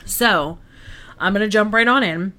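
A woman's voice: mid-range voice, a little slow, sharp tone. A woman co-hosting a casual podcast, chatting with lots of fillers and giggles. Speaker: podcast co-host. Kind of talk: casual chat.

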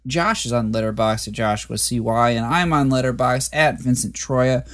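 Man, podcast host, mid pitch, hesitant, casual. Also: normal speed, a bit bright. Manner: hesitant, restarts a lot. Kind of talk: casual chat.

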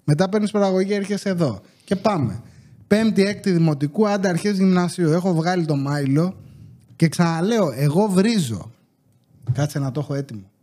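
A man, hosting a podcast and telling stories in a casual, animated way. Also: high voice. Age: 30s. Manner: animated storytelling with acted-out quotes. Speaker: podcast host. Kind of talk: casual chat.

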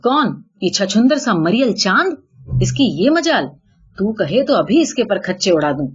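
A woman's voice: medium pitch, animated, dark tone, slightly rough, muffled recording. A woman voicing a hot-tempered, boastful male jackal who blusters threats through gritted teeth, in a told folk tale. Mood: furious boasting.

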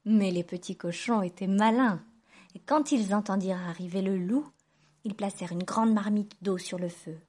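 A woman reading a children's fairy tale aloud in a gentle, even storytelling manner. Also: mid-range voice, moderate pace.

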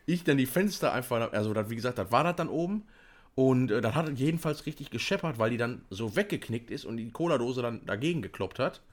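Young man, casual chat, animated storyteller with a mid-pitched, very lively voice. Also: fast talker. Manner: animated storytelling with many fillers.

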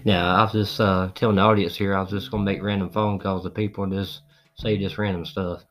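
A man's voice: sits low, flat delivery, brisk, fairly bright tone. A middle-aged man hosting a podcast, chatting casually and joking crudely while making prank calls. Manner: laid-back, joking, crude. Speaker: podcast host.

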